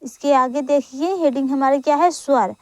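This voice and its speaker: A woman's voice: sits high, a little mellow, dry recording. A woman teaching an exam-prep grammar lesson, repeating each point and asking then answering her own questions. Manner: corrects herself aloud with quick apologies.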